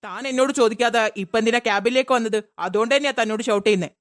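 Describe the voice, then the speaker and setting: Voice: medium pitch, racing, lightly acted. A performer voicing a curt, irritable male office boss in a cartoon. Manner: curt, dismissive.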